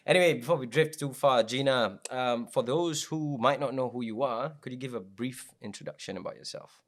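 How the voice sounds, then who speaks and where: A man's voice: mid-range voice, fairly quick. A man hosting a casual interview, hesitant and encouraging, with frequent restarts. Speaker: podcast host.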